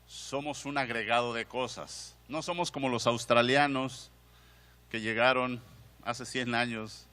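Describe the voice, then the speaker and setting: Bright-voiced Mexican man lecturing in a hall. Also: medium pitch, steady tone, a little slow. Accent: Mexican Spanish. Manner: conversational, asks the audience questions, frequent restarts. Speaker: museum director giving a conference talk. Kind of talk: conference lecture. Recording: long hall reverb.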